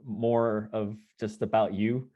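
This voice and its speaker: A man's voice: on the low side, little pitch movement, mellow. Korean-born man hosting a video-call interview. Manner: measured, self-correcting, conversational.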